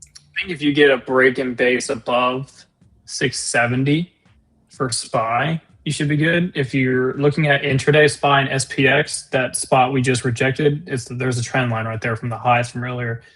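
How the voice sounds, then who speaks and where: Brief: male co-host, calm chart talk, plain everyday voice, matter-of-fact. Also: mid-range voice, low-quality recording. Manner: measured, matter-of-fact explaining. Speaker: trading co-host. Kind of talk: casual market commentary.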